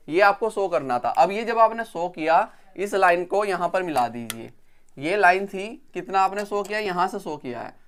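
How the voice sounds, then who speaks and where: A man's voice: high-pitched, fairly bright tone, clean tone. Male lecturer, patient step-by-step explainer who repeats points and checks in with students. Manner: counts slowly while drawing. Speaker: engineering drawing teacher. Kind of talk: recorded video lecture.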